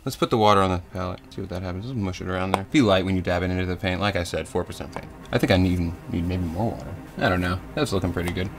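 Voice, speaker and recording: A young man hosting a comedic painting tutorial parody, talking in a soft tutorial voice that slips into crude jokes. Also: deep voice, rapid-fire, hardly any pauses. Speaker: comedy host.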